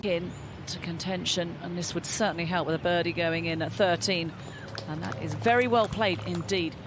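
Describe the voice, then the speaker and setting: A male golf commentator with a high-set voice calls tournament play. Clear outdoor noise runs behind him throughout the broadcast. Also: steady tone, moderate pace.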